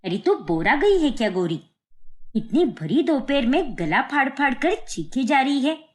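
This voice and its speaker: A woman voicing a weary older mother in a poor household in an animated cartoon, sighing and mildly scolding. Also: sits high, a little slow.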